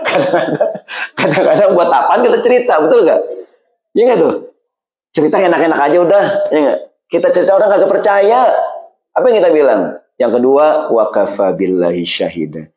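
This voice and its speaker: A man gives a casual, humorous sermon. He keeps asking the listeners whether they agree, acts out everyday quarrels in different voices, and slows down for Quranic Arabic phrases. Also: a little high, darkish tone. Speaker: preacher.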